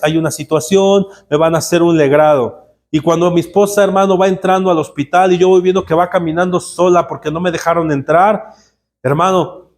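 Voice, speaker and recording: A man's voice: high-pitched, a little mellow. A man preaching a sermon as pastor, speaking emphatically, often calling the listener "brother" and acting out quoted prayers and rebukes. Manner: acts out quoted dialogue with God and the devil.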